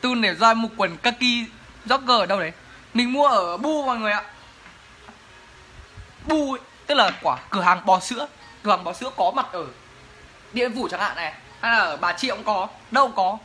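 A man's voice: high-pitched, lively intonation, fairly quick, long pauses, bright, forceful tone, soft background music. A young man, chatting playfully in a casual Q&A vlog. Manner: playful, joking, chatty with laughs. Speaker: vlogger. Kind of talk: casual Q&A chat to camera.

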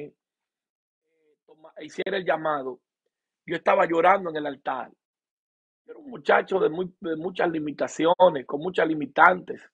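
A male pastor preaches and shares his own testimony in a slightly high, gravelly voice. He speaks with emotion and keeps repeating words as he restarts his phrases. The recording sounds dull and lo-fi. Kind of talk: sermon with personal testimony.

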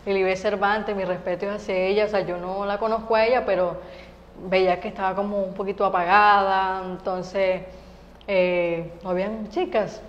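A woman's voice: mid-range voice, fairly even intonation, normal speed, in a large hall, highs cut off. A young Venezuelan woman singer chatting casually as an interview guest, laughing often and talking through lots of fillers. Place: TV studio set.

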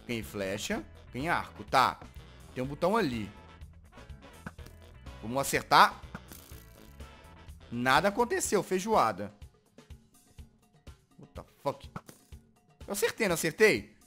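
A man with a Brazilian Portuguese accent giving excitable Minecraft parkour gameplay commentary as a gaming video host. He swings from muttering to frustrated yelling. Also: medium pitch, slow pace, pauses often, faint music behind.

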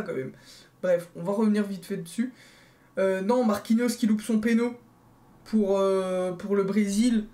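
A young man recapping a football match in casual chat, animated, repeating phrases for emphasis and calling viewers guys, filmed on a webcam in his bedroom. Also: high voice. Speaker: football video creator. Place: bedroom, indoors, small.

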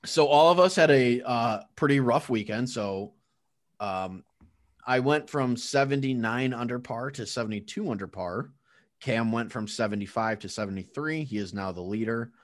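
A man's voice: mid-range voice, normal speed. Laughing man reading golf standings. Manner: reads out standings, laughing often. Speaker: podcast co-host tallying the picks. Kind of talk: casual chat among friends.

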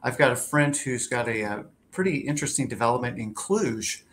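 A man's voice: medium pitch, animated, fairly quick, fairly bright tone, a little hiss or hum. A man in his fifties hosting an interview over a video call from a home office, upbeat and conversational with a few fillers. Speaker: host. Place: home office with a wooden door. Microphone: webcam on a video call.

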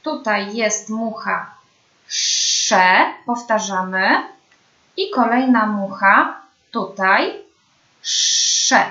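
Slow, patient woman teaching children. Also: mid-range voice, bright, forceful tone. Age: young adult. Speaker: speech therapist. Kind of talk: children's speech therapy lesson. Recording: dull, roomy home recording.

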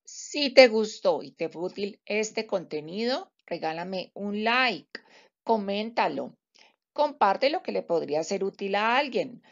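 A woman's voice: medium pitch, big pitch swings, a little slow, vocal fry. A woman host giving a friendly channel sign-off, asking viewers to like and subscribe. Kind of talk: channel outro. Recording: dull lo-fi sound.

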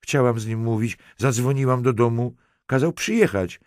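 A man's voice: mid-range voice, lively intonation, a little slow, creaky, darkish tone, dry recording, studio quality, pitched above the performer's own voice. A man voicing a frightened, tearful young woman. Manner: teasing, then pleading and breathless.

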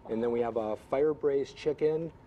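A man's voice: mid-range voice, normal speed, lo-fi sound, slight background noise. A male chef describing dishes in a live interview, speaking plainly with many fillers. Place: restaurant dining room.

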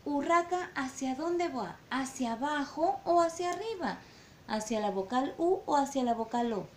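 A woman teaching an online lesson to small children, asking slow sing-song questions and stretching her vowels. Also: high voice, lively intonation, darkish tone, roomy sound, a little hiss or hum. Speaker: preschool teacher.

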